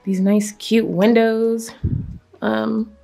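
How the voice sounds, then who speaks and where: Young woman vlogger, 20s, slightly high voice, casual and chatty, a bit out of breath, faint music bed. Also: level tone, drawn-out words, gravelly, dark tone. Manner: chatty, upbeat, talking to viewers. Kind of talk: casual home tour vlog. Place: empty house, indoors.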